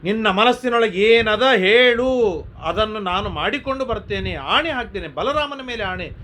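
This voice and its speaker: A man's voice: high-pitched, animated, moderate pace, pushed and bright, voice pushed up. A man voicing an elderly foster mother who coaxes and pleads with her son in a storytelling sermon. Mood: pleading. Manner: coaxing, questions tumbling out.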